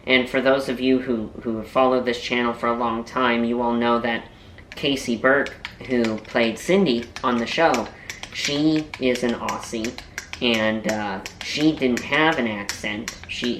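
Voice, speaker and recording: A young man talks to camera in a relaxed food-tasting vlog, rambling through stories and self-mocking jokes. His voice is bright and forward. The room lends it a noticeable echo. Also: mid-range voice, a little hiss or hum. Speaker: vlogger and voiceover artist. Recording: roomy echo.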